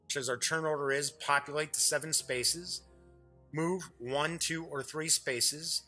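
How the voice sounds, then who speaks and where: Unboxing a game on his tabletop review show, a host jokes and chats off the cuff, frequently muttering to himself. His voice is slightly high and sharp with fairly even intonation, a bit slow, over soft background music.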